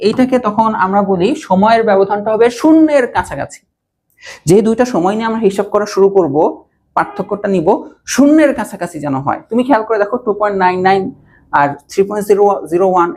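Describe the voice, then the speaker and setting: A man's voice: high voice, darkish tone. A young man teaching an online physics and math lesson. He repeats key points as questions, keeps checking that students follow, and mixes English math terms into casual speech.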